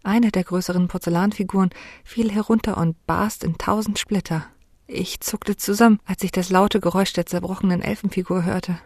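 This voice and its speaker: A woman narrating a first-person storybook. Her delivery is hushed and intimate, often near a whisper, with a dry, close sound. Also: medium pitch, fairly even intonation, normal speed, no room sound. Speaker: audiobook narrator.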